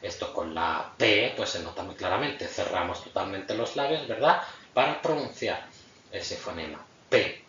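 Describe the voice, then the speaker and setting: A man giving a patient phonetics lecture as a language teacher, often pausing with fillers, a native Spanish speaker. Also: sits low, expressive, fairly bright tone, a little hiss or hum. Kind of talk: explanatory lecture. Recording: roomy, distant, muffled mic.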